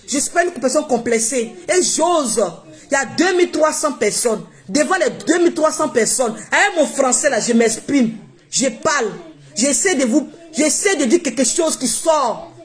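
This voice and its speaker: On a phone live stream, a woman who is not a native French speaker delivers a casual monologue in a fairly high voice. She's emphatic and circles back to the same points again and again.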